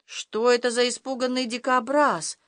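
A woman's voice: a little high, steady tone, normal speed, a bit bright, no echo, studio quality, voice pushed up, close to an everyday voice. Woman reading an astonished father. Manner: exclaiming, groaning. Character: astonished father, a police detective.

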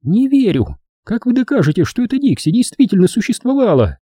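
Man doing a shrill scornful woman. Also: sing-song, fairly quick, mellow, husky, dry recording, studio quality, exaggerated voice. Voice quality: piercing falsetto. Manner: contemptuous, snapping. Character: shrill scornful woman, sharp-tongued and frantic. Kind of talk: audiobook character voice.

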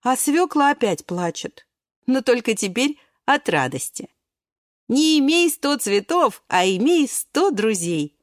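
A woman gently and expressively reading a children's story aloud. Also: on the high side, big pitch swings, takes it slowly, no room sound, clean studio sound.

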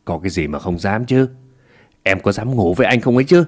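A man's voice: mid-range voice, very animated, moderate pace, a little mellow, natural voice. A man voicing a blunt, curt young village man who idles and gambles. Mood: boastful.

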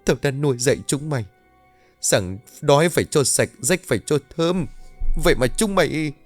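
A man's voice: medium pitch, expressive, brisk, no echo, soft background music, natural voice. A man voicing a fierce, bossy middle-aged village mother who scolds her children in a harsh, urgent way. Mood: angry.

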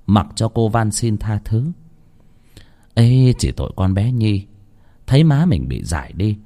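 A man's voice: fairly low pitch, dark tone. A man narrating a horror story with dramatic, emotive storytelling.

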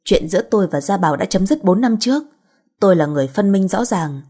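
A woman's voice: medium pitch, expressive, dark tone, slightly rough. A woman voicing a composed, principled young married woman who speaks firmly. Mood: calm. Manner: firm, measured.

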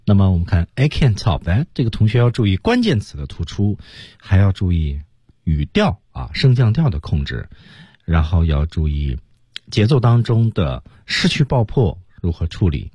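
A man's voice: sits low, big pitch swings, normal speed, mellow, husky, no echo. A man teaching English reading on a radio lesson, explaining patiently and modelling lines.

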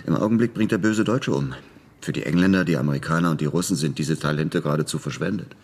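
A male actor with a rumbling low, darkish voice and a breathy edge portrays a flippant, cynical American war veteran in a German radio crime play. He talks quickly in a laconic, matter-of-fact and persuasive manner, with a heavily acted delivery.

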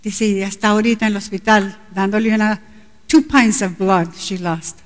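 A woman's voice: mid-range voice, fairly even intonation, normal speed. A middle-aged woman preaching a sermon with passion, her voice climbing to cries at times. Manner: impassioned, rising to cries at times. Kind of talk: bilingual sermon. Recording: long reverb in a large hall.

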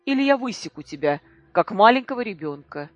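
A reader voicing a cold, stern mother who speaks in a sharp, commanding and scornful way. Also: medium pitch, animated, normal speed, husky, dry recording, lo-fi sound, faint music behind, voice pushed up. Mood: shouting. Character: cold, stern mother losing her temper.

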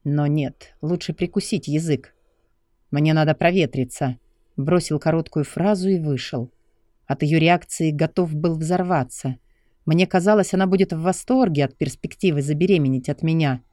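Mellow-voiced man reading a novel. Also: a little high, moderate pace, no echo, clean studio sound. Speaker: audiobook narrator. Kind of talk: first-person novel narration.

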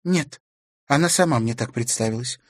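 A man voicing a calm, persistent and inquisitive teenage girl in an audiobook. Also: medium pitch, moderate pace, dry recording, clean studio sound, voice pushed up, lightly acted. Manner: steady and probing.

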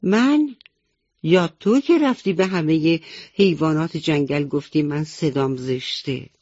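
A woman voicing a little chick who answers back in a raised, high voice in a children's radio story. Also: a little mellow, no room sound. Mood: upset. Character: little chick, hurt and shrill. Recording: dull dry old radio recording.

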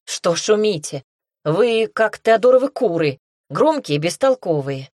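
A woman's voice: medium pitch, big pitch swings, unhurried, a little mellow, dry recording, clean studio sound. A woman reading an audiobook aloud, voicing a young man who is dazed at first and then teases the women around him fondly. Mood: teasing. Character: young man, stunned new winged shapeshifter.

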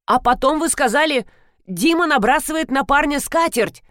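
A woman's voice: high-pitched, expressive, moderate pace, a bit bright, dry recording, clean studio sound, pitched above the performer's own voice. A woman reading an audiobook, voicing an ironic young male detective who jokes a lot. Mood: puzzled, ironic. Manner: ironic, joking.

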